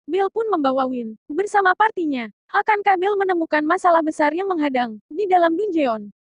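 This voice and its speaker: A woman narrates a scripted anime countdown as its host, addressing fellow fans. Her voice sits extremely high in pitch. The sound is dry, with very little room on it. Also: expressive, fairly quick, dry recording, highs cut off. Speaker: host of an anime recommendation list.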